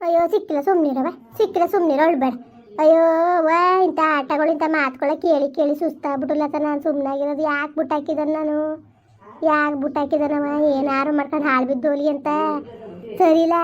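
A soothing, advice-giving village aunty, played by a woman in a comedy skit. Her voice sits very high, and the recording sounds dull and lo-fi. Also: fairly even intonation, a little fast, a little mellow, natural voice. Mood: consoling. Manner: soothing, advising. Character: consoling village aunty Kamala, middle-aged woman.

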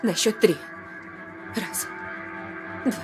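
A woman's voice: drawn-out words, music in the background. A woman playing a protective, practical and anxious hostage in a dubbed game drama. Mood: hushed, urgent.

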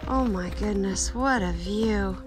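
On a snowy forest trail, a woman in her forties films a casual walking vlog on a phone held at arm's length, as a solo winter camper and vlogger. She takes it slowly in a soft, awed, mid-range voice that often drops to a whisper, with music in the background.

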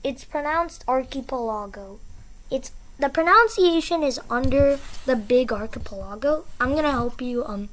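In a casual explainer on her own channel, a woman speaks at a moderate pace in a high, expressive voice. She keeps things chatty and encouraging, repeating key words to drive them home.

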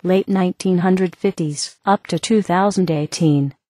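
A woman narrating a film in an even, deliberate scripted reading. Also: fairly low pitch, no echo.

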